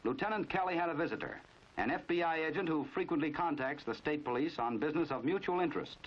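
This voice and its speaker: On a dull, band-limited 1950s film soundtrack, an American man talks fast in an animated voice on the high side. He narrates a crime training film from the 1950s with knowing drama, wry and measured.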